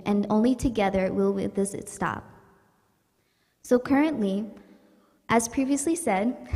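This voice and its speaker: A woman's voice: mid-range voice, darkish tone, long reverb tail. A young woman from New York hosting a virtual community event, speaking in an earnest, upbeat and welcoming way. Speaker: event host. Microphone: livestream setup.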